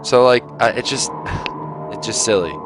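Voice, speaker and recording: A man's voice: mid-range voice, measured pace, loud music behind the voice. A young man giving his gaming team a blunt, lecturing talk on their attitude, swearing freely. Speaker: team captain.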